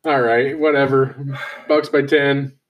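On a casual sports podcast, a male co-host jokes crudely, trash-talks, and laughs often in profane chat. His mid-range voice is fairly even and measured, recorded on a distant mic with the highs cut off and faint background noise.

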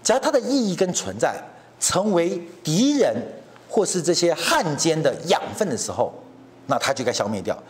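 A man's voice: fairly high pitch, big pitch swings, normal speed. A middle-aged man giving heated, mocking political commentary and often asking his listeners whether they follow him. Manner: mocking, heated, keeps asking "you know?".

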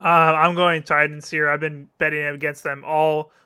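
A man with a crisp, bright voice talks sports casually as a panelist. His delivery is measured and agreeable, with very little rise and fall. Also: on the high side, level tone, no room sound.

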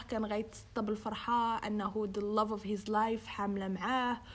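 A young woman with a Moroccan accent telling a true-crime story in casual chat, switching into English and acting out the quoted dialogue. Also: on the high side. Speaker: host.

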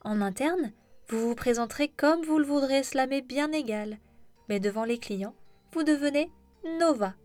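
A woman voicing an elegant, imperious businesswoman who talks in a brisk, detached way. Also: high voice, a little mellow, soft background music, pitched above the performer's own voice, lightly acted. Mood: pleased, firm.

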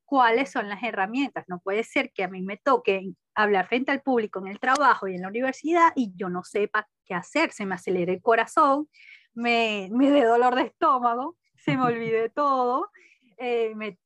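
Animated woman telling her story, high voice. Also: normal speed, no room sound. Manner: animated, laughs often, acts out her own inner voice. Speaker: guest. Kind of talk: personal storytelling in conversation.

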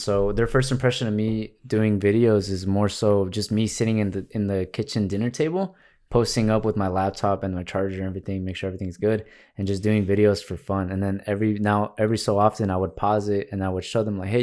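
Young man, low-pitched voice, casual podcast chat, animated, swears a lot. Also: quick pace. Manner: animated storyteller, acts out quotes loudly, swears freely. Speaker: guest, video editor.

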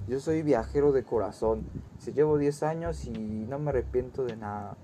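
A contented old wanderer with a calm, fatherly way of talking, as a man puts him on. The voice is dark and mellow, close to the storyteller's own. He sounds settled in himself. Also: medium pitch, normal speed, a little hiss or hum, lightly acted.

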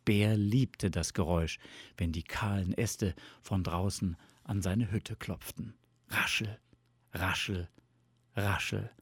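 A man reading a storybook aloud in a soft, lulling narration. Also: sits low, takes it slowly, slightly rough, no echo. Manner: soft, lulling with sound words.

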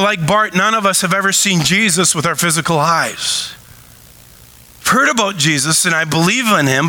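A man preaching a sermon from the pulpit, animated and acting out shouted cries as he retells a story. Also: fairly high pitch, poor audio. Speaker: pastor.

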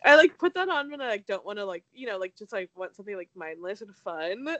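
A woman co-hosting a casual podcast, talking haltingly with stammered restarts and many fillers, with a dry, self-deprecating streak. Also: medium pitch, very animated, bright, forceful tone, dry recording, dull audio. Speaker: podcast co-host.

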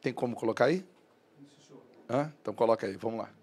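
Relaxed podcast host man. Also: medium pitch, quick pace. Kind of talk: casual podcast chat.

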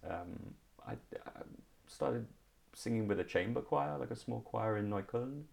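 Low gravelly man from Liverpool. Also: a little slow. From England. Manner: relaxed, many ums and restarts. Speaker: guest, comedian. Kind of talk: casual interview.

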